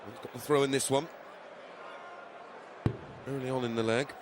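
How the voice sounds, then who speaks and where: A man's voice: mid-range voice, fairly even intonation, normal speed. A man giving conversational analysis as co-commentator on live darts. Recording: clear crowd and venue noise behind.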